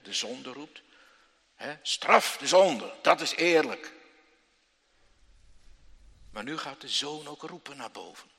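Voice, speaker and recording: A man preaching to children in a church, telling the story slowly and dramatically, with sudden loud outbursts and questions to his listeners. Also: mid-range voice, breathy edge. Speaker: pastor. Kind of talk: children's sermon. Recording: long church reverb.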